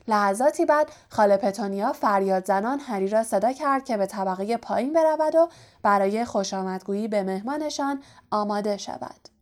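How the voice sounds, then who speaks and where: A woman reading an audiobook in steady, even scripted narration. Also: medium pitch.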